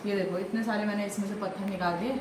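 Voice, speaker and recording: A woman's voice: medium pitch, fairly even intonation, quick pace, noisy background. A young woman, chatting casually to her vlog audience, laughing often as she tells stories. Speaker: vlogger.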